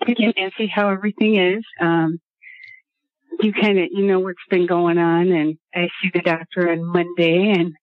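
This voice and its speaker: A woman from Washington state calling in to a radio show over a speakerphone, speaking in a soft, halting, hesitant way. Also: fairly low pitch, little pitch movement, no echo. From Washington state, USA. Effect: call-in voice over a speakerphone line. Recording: dull, dry phone-line sound.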